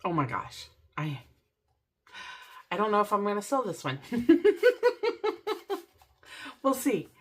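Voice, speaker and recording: A middle-aged woman hosting a casual DIY crafting vlog from a home craft room, gushing and excited as she talks to her viewers. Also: mid-range voice, moderate pace, pauses often, slightly rough. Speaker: crafting channel host.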